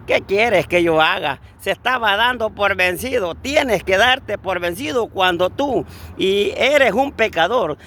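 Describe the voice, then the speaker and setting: Man, preacher, high voice, fervent sermon, repeated blessings, outdoors, faint traffic behind. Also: sharp tone. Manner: fervent, repeats blessings and addresses listeners as brother.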